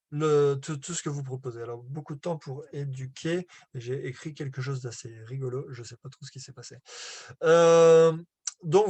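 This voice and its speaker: A man's voice: mid-range voice, darkish tone, no room sound. Hesitant man teaching, dry close sound. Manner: hesitant, many fillers and restarts, self-correcting; apologetic about his French, laughs at himself. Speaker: business coach presenting slides. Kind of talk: live online lesson.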